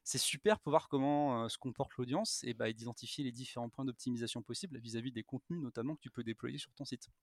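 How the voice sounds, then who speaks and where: A man's voice: medium pitch, fast talker, few pauses, no room sound, clean studio sound. A man speaking as a podcast guest, talking frankly and animatedly about content strategy, with frequent fillers and restarts. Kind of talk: casual podcast conversation.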